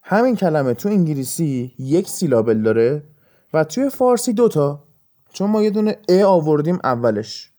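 Guy teaching on his podcast, kinda high but warm voice, walks through examples slow and patient. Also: big pitch swings. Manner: patient, explains step by step with examples. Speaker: podcast host and English teacher. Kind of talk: explanatory podcast lesson.

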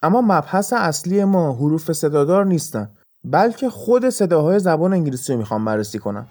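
A man's voice: on the high side, very animated, a little mellow. A man hosting an educational podcast, patiently explaining things step by step with examples. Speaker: podcast host and English teacher.

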